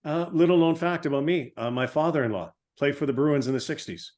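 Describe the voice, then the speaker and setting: A man's voice: fairly high pitch, a little fast, darkish tone. A male podcast host asking questions in a playful, joking way during a casual interview.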